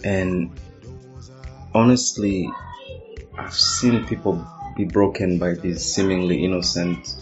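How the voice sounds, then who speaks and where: Deep-voiced male co-host, candid. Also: slow pace, long pauses. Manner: candid and reflective. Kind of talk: casual talk show conversation. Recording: dull lo-fi sound with faint music.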